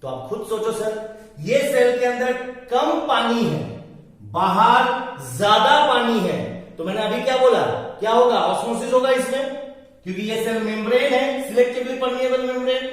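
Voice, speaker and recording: High-voiced male teacher in an echoey hall. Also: normal speed, far from the mic. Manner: checks understanding constantly, spells out English phrases word by word. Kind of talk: classroom lecture.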